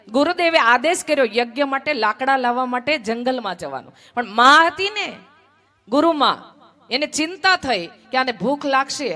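A woman's voice: on the high side, bright, forceful tone. Woman narrating a devotional story dramatically. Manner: dramatic, repetitive emphasis, voice swells and drops. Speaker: storyteller at a religious recital. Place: village religious gathering.

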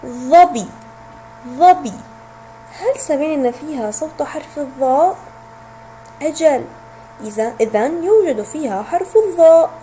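A woman teaching a recorded lesson for young children. She sounds out letters and words slowly and clearly, and asks questions that she then answers herself. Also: high voice, expressive, warm tone, slight background noise, rough recording. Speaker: kindergarten teacher.

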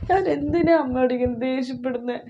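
A woman acting as an exhausted, frustrated young new mother in a comic family skit, speaking in halting, pleading phrases. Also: high voice, lo-fi sound, loud music behind the voice, lightly acted. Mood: bewildered.

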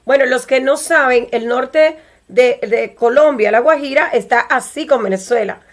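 A woman's voice: high voice, normal speed. A middle-aged woman hosting a TV show, chatting with a guest over a video call with fillers like "este". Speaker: TV host.

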